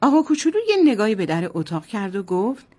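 A woman's voice: mid-range voice, very animated, mellow. A woman storyteller narrating a bedtime story to children in a sing-song voice, often addressing them directly.

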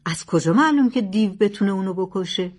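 A woman's voice: medium pitch, lively intonation, natural voice. A scheming male thief from an old storybook tale, boastful and stubborn, as a woman reads him. He argues insistently and will not give ground. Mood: argumentative. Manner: insistent, argumentative.

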